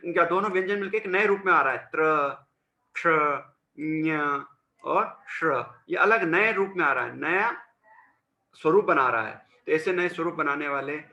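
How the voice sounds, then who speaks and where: A man with a very bright, slightly high voice teaches a class of children. He goes patiently and repeats each sound several times. The room around him is echoey. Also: dull audio. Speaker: school teacher. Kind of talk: classroom lesson on Hindi grammar.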